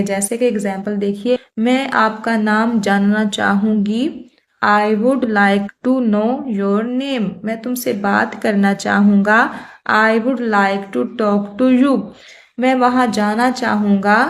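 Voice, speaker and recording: A woman teaching English grammar in Hindi, explaining patiently and saying each English example slowly and clearly. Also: on the high side. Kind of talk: spoken English lesson for Hindi speakers.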